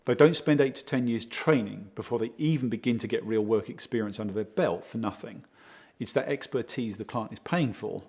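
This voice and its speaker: A man working as a project consultant, giving steady, explanatory interview answers and leaning on key words. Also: fairly low pitch, brisk, slightly rough. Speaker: project consultant for a home design firm.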